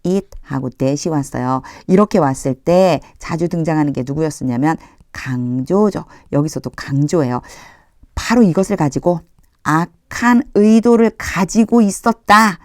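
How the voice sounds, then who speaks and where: A woman's voice: low voice, unhurried, dry recording, studio quality. A woman teaching English through Bible verses, explaining each line in a chatty, encouraging way. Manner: chatty, encouraging, often opens lines with "자".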